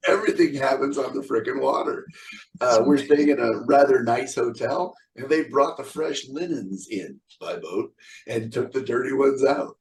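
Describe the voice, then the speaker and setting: A middle-aged man of average pitch talks casually, with blunt opinions and wisecracks. He sits a little back from the microphone, so his voice sounds slightly distant. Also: normal speed, a little mellow. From California. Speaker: square dance caller, guest. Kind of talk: casual interview chat.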